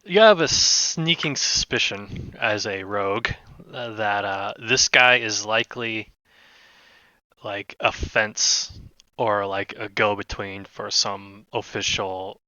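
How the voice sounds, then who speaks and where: Slow, hesitant man running a tabletop game. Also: lowish voice, bright, forceful tone, no room sound, muffled recording. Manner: hesitant, many fillers, searching for words. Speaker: game master.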